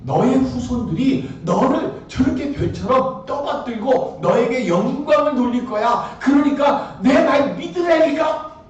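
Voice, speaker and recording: A man's voice: very high voice, animated, measured pace, dull audio, pitched above the performer's own voice. A pastor speaking as God, earnestly reassuring a man about a promise. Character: God reassuring a man, patient then insistent. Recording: echoey hall from far off.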